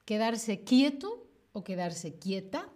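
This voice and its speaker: A young woman teaching Spanish on a livestream, speaking slowly and clearly and playfully acting out examples. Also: mid-range voice, big pitch swings, a little mellow. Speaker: Spanish teacher streaming live. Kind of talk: livestream language lesson.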